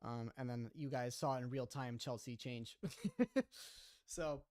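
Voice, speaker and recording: A man's voice: medium pitch, fairly even intonation, normal speed. A young man streaming live, chatting casually about his own series and rambling with lots of "like" and "kinda". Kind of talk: casual livestream chat.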